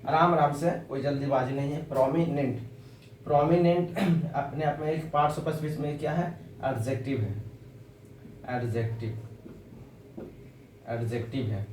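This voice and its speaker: Echoey Indian English teacher spelling out words. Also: male voice, medium pitch, a little mellow, far from the mic, a little hiss or hum. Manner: slow, spells words letter by letter. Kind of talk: vocabulary lesson.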